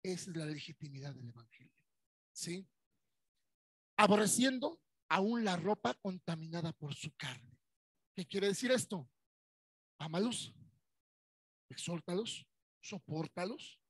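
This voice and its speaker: With a Mexican accent, a pastor delivers his Sunday sermon conversationally, expressive and at a measured pace with long pauses. His voice is high for a man and husky in grain. The sound is dry and close, with no echo.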